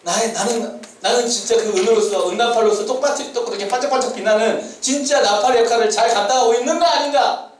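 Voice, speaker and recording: A man giving a sermon to high school students, animated and joking, with shouted calls between his points. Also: fast talker. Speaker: youth pastor. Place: church hall. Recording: echoey church hall from far off, faint ambience.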